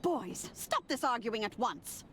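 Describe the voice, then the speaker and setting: A woman's voice: a little high, very animated, unhurried, a bit bright, a little hiss or hum. A woman voicing a bossy, scheming aristocratic mother in a comedic game, haughty and scolding. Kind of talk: comedic adventure game acting.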